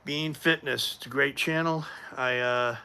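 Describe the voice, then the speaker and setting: Chatty 50s New man, bright voice. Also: medium pitch, fairly even intonation, unhurried, gravelly, clean tone. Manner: rambling, chatty, greets viewers by name. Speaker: livestream host. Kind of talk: casual live stream chat. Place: home gym.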